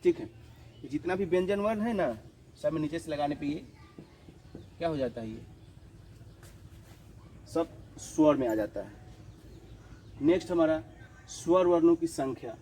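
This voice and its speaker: A man's voice: fairly high pitch, mellow, a little hiss or hum, rough recording. Patient male teacher repeating each point. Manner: repeats each definition slowly, asks and answers his own questions; mixes in English words. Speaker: school teacher. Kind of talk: classroom grammar lesson.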